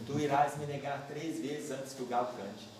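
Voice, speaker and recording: Jesus as a calm, grave teacher, spoken low and quiet, as a male lecturer puts him on, heard from afar in a very echoey hall with faint noise. The tone is measured and solemn. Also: lightly acted. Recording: echoey hall, distant mic.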